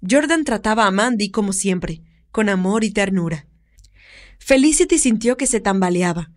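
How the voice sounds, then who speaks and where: A woman narrating an audiobook romance in an expressive storytelling read. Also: mid-range voice, moderate pace. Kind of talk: scripted narration.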